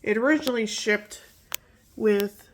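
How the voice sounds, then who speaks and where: Nasal from pollen allergies, this young tech host walks through vintage computer gear in a rambling, apologetic way, often correcting herself. Her voice is mid-range and a little slow, with some faint hiss or hum in the background.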